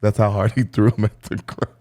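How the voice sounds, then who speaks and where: A man who co-hosts a chat show as a hairstylist, telling stories in a lively, animated way, often acting out what others said and laughing. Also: fairly low pitch, brisk, vocal fry. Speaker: hairstylist and podcast co-host. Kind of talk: casual chat.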